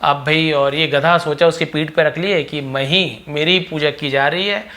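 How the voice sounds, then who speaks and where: A man's voice: fairly high pitch, steady tone, moderate pace, bright, forceful tone. A middle-aged man teaching English by reading a story phrase by phrase and explaining each word.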